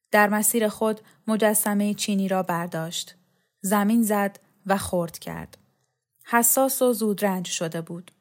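A woman reading a novel aloud in steady, measured storytelling narration. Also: medium pitch. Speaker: audiobook reader. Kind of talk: scripted narration.

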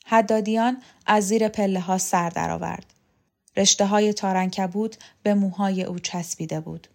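A woman narrating a novel aloud for an audiobook, in an even, measured manner. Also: mid-range voice, creaky.

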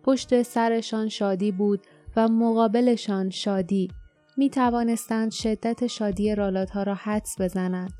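A woman narrating an audiobook in a measured, even storytelling manner. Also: mid-range voice, soft background music.

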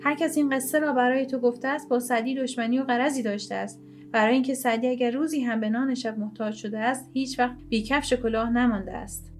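A woman voicing a meek middle-aged man who speaks in a sighing, gently ironic way, in an audiobook reading. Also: a little high, steady tone, soft background music, natural voice. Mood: mournful. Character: mournful meek middle-aged man with a self-pitying sigh.

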